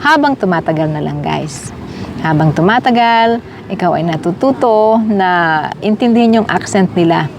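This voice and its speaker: A woman's voice: lowish voice, lively intonation, normal speed, background noise. A middle-aged woman from the Philippines talking casually to her viewers while walking through a park. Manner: chatty, addresses viewers as guys. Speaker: vlogger. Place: outdoors in a park.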